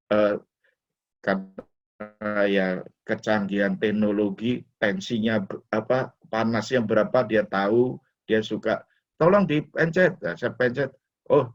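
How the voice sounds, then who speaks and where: A middle-aged male pastor sharing a personal testimony in a church talk, telling his story and often addressing listeners as brothers and sisters. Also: lowish voice. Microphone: video call. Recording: dull lo-fi video call audio.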